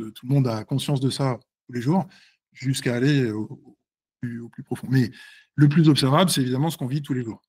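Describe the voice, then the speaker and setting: A husky, slightly breathy man in his forties leads a seminar in front of an audience. He speaks fast but hesitates often, filling gaps and restarting his phrases, and often stops to check that everyone is following. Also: medium pitch, a little mellow. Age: 40s. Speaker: seminar presenter and author. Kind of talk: live seminar talk to an audience.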